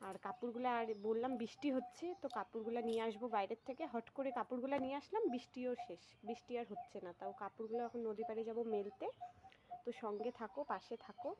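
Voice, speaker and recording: A woman's voice: a little high, fast, a little mellow. A young woman chatting casually to viewers about her household chores in a vlog. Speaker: vlogger. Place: rural home and riverside.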